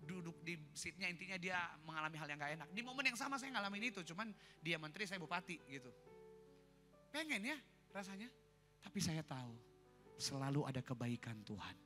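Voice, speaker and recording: A man with an Indonesian accent preaching a sermon, telling a story to his congregation in a lively way. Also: sits high, fairly quick. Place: church hall. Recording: reverberant church hall with music.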